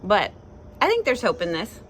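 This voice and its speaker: A woman's voice: mid-range voice, wildly swooping pitch, normal speed, a little hiss or hum. Chatty woman hosting a Bible chat. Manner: chatty, laughs often, acts out quoted speakers. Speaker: devotional host.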